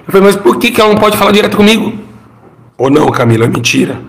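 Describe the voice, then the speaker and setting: A man's voice: high voice, very animated, rapid-fire, creaky, a little hiss or hum. Dramatic Brazilian man telling his story. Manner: dramatic storytelling, repeats phrases, gets the audience to repeat after him. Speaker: former pastor. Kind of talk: emotional testimony before an audience.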